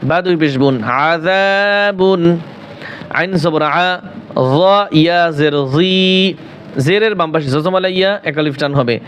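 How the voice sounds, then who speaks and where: High-voiced man teaching Quran recitation. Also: slight background noise. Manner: drawn-out melodic recitation between quick explanations; asks questions then answers them himself. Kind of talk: spelling out and reciting Quranic words.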